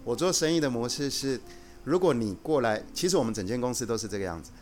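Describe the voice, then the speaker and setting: A man who is a guest executive on a podcast, explaining his company's approach in a measured, earnest way. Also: mid-range voice, animated, soft background music. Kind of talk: casual podcast conversation.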